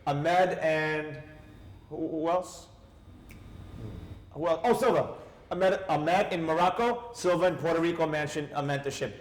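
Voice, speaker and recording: A man mentoring trading students in casual talk, animated, asking the group questions. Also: on the high side, unhurried, pauses often, reverberant. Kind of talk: casual teaching chat.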